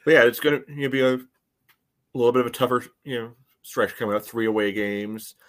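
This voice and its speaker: Talking fairly quickly in a medium-pitched voice, a man co-hosts a relaxed sports podcast. He analyzes soccer hesitantly, padding his speech with fillers and frequent "you know"s.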